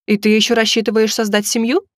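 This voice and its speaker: A woman's voice: fairly high pitch, little pitch movement, dry recording, clean studio sound, natural voice. A woman voicing a pushy young man who keeps pressing for money and takes offence easily, in an audiobook. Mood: resentful. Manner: insistent, quick to take offence. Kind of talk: audiobook reading.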